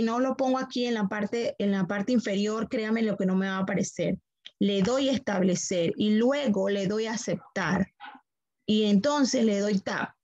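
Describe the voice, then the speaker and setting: A woman's voice: mid-range voice, a little mellow, dry recording, muffled recording. A woman teaching a computer class online, walking students through steps patiently, repeating them and checking that they follow.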